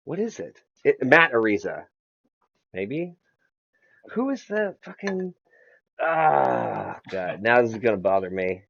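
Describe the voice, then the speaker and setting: A man's voice: medium pitch, big pitch swings, slow, vocal fry, pauses often, fairly bright tone, muffled recording. A man chatting casually on a podcast as the league's commissioner, rambling, repeating words and swearing freely.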